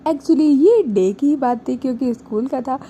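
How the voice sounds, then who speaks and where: Woman storyteller, casual narration, high mellow voice. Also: measured pace, slight background noise.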